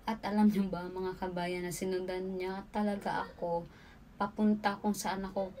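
A woman's voice: medium pitch, moderate pace. Young filipina woman vlogging from a small room, chatty, talks right to the camera, bit of faint noise behind. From Philippines. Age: young adult. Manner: chatty, animated hand gestures, often addresses viewers directly. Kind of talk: casual storytelling vlog. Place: small indoor room by a window. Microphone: camera in front at desk distance.

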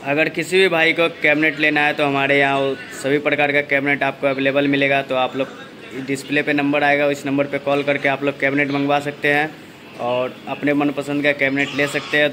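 A young man talks into a phone held at arm's length as he walks through a large warehouse. His delivery is steady and salesman-like, and his voice stays almost completely flat, with very little rise or fall. A faint hum of background noise sits under his speech. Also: on the high side, a little fast. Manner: steady salesman-like patter, repeats "dekhiye" and "dosto". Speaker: vlogger showing a speaker cabinet factory. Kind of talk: casual vlog walkthrough. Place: large warehouse, partly outdoors.

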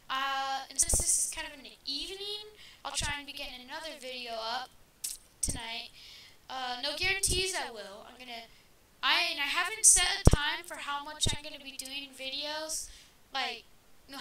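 A woman giving chatty, easily excited let's-play commentary, talking straight to her viewers, with her voice heard through heavy echo from her own speakers. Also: high-pitched, recorded from a distance. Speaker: gameplay commentator. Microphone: desk microphone with speakers playing back. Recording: very echoey, off-mic, clear background noise.

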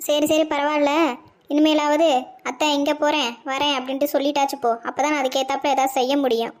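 Old village grandma, scolding and bossy; a woman voices her high. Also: little pitch movement, quick pace, natural voice. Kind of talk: cartoon voice acting.

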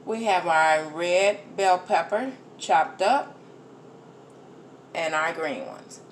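A middle-aged woman talks through her cooking in an unhurried, easygoing way and speaks straight to her viewers. She films herself at her home stove on a phone. Faint sizzling and kitchen noise sit under her voice. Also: lowish voice. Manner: chatty, addresses viewers as "you guys". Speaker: home cook vlogger. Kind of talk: casual cooking vlog narration.

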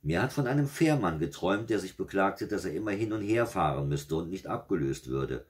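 Old granny in a storybook, sharp but kind, scolds then soothes, a man doing her a bit higher than his own low voice. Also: animated, a little fast. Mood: scolding soothing. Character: the devil's old grandmother, shrewd and kindly.

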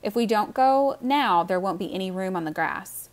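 A woman's voice: mid-range voice, animated, moderate pace, close to an everyday voice. A woman doing a mother calling upstairs. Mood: urging. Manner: calling out, urging. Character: mother Mrs. Tresky, hurrying her kids.

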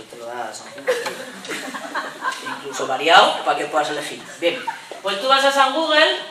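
A woman teacher giving a humorous lecture, lively and jokey, now and then acting out little voices. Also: fairly low pitch, roomy sound, recorded from a distance, slight background noise, low-quality recording.

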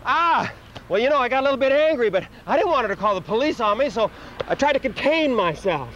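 A man performing an animated comic monologue outdoors in a city park, acting out voices and sound effects, on a dull lo-fi video recording. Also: extremely high pitch, fast. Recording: dull lo-fi outdoor video with faint street noise.

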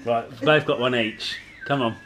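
A man's voice: mid-range voice, normal speed, over a noisy crowd. A man in his forties with a southern English accent, reacting coarsely and with disgust while eating gross jelly beans in a casual home vlog. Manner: coarse, sweary. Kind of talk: casual family challenge vlog. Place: living room, indoors. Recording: noisy home camera audio with clicks.

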